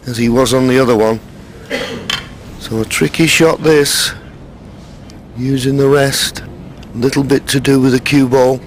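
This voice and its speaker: A man giving hushed, measured live snooker commentary in short phrases. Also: mid-range voice, poor audio. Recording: crowd ambience and faint noise. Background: snooker arena audience.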